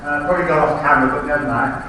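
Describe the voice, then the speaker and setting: A man with a Yorkshire accent and a slightly high voice rambles through his slides at a very fast clip, tossing in wry asides and often restarting sentences. He is an archaeology lecturer recorded off-mic from a distance in a very echoey lecture hall, with a little hiss or hum in the audio.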